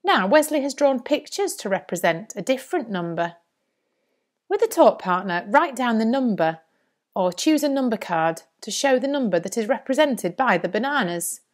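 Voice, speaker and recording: Lively singsong woman teaching young children. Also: a little high, moderate pace. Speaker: primary school maths teacher. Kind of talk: scripted lesson presentation for young children.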